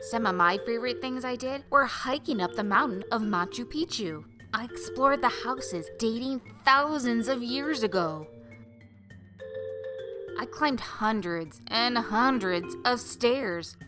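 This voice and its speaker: A woman's voice: a little high, slow pace. A woman narrating a children's adventure story in the first person, cheerful. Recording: with music behind.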